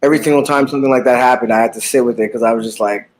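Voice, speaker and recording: A man's voice: mid-range voice, fairly even intonation, very fast, poor audio. A man in a casual live book chat, talking animatedly about a book, with frequent swearing and lots of fillers. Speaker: book discussion participant.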